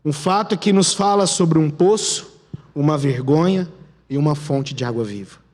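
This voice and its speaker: A man with a Brazilian Portuguese accent preaching a sermon as pastor, telling the story dramatically and dropping to a hush at key moments. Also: on the high side, normal speed. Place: church sanctuary. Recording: long church hall reverb.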